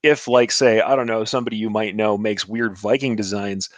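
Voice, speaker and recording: A man's voice: lowish voice, fairly even intonation, brisk, no room sound. A man co-hosting a casual live Q&A, talking in a chatty, rambling way and chuckling mid-sentence. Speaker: co-host.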